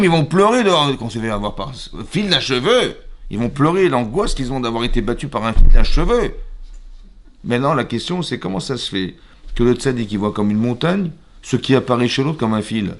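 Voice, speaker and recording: A man, a rabbi, leads a Torah class in a synagogue. He talks in a lively way, checks often that his listeners follow, and acts out the voices in the stories he tells. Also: medium pitch. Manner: lively, asks the audience questions; acts out quoted dialogue.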